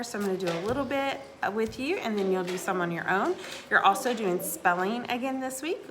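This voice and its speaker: A woman teaching a recorded lesson to young children, patient and encouraging, sounding out words slowly for them to follow. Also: medium pitch, very noisy. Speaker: second grade teacher. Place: indoors, hanging out away from classroom.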